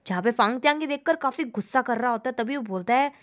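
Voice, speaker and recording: A woman narrating a drama plot as a storyteller, retelling scene after scene in a steady flow. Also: fairly high pitch, fast talker. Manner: steady retelling, leans on the filler "जो है".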